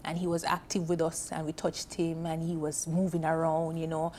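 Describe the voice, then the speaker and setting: Her voice is low and her pace normal as this Jamaican woman in her thirties, a TV panel guest, earnestly and emotionally relates a personal story, gesturing with her hands. She sits on a studio sofa indoors, recorded on a lapel mic with slight background noise.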